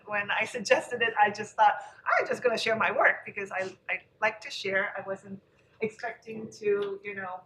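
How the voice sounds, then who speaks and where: A woman's voice: medium pitch, fairly bright tone, a little hiss or hum. A woman from Hong Kong and Macau, giving a casual talk to an audience, nervous and chatty with self-deprecating asides. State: nervous and over-caffeinated. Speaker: guest speaker. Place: lecture room. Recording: echoey hall, recorded from a distance.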